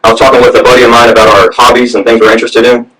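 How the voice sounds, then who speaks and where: A man from the American South doing a stand-up set, telling stories in a deadpan way. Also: mid-range voice, very fast. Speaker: stand-up comic. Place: comedy club stage with audience. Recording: distant mic, loud crowd.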